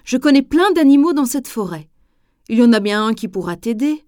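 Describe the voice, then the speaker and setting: Woman playing perky little animal girl, storybook, higher voice. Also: lively intonation, brisk, dry recording, clean studio sound, natural voice. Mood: eager. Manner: bright, eager, reassuring. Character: lively small female forest animal, kind friend.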